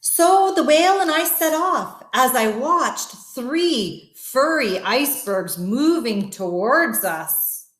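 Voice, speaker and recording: At an unhurried pace, a guest storyteller reads a bedtime tale to children in a fairly high voice. She addresses her little listeners directly, expressive and curious, asking wondering questions, and the room carries a noticeable echo.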